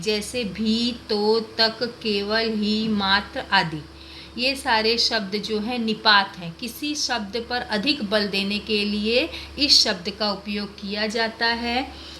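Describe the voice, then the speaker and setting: A woman's voice: mid-range voice, bright, forceful tone, a little hiss or hum. A woman teacher giving a grammar lesson to children, explaining patiently and asking them questions.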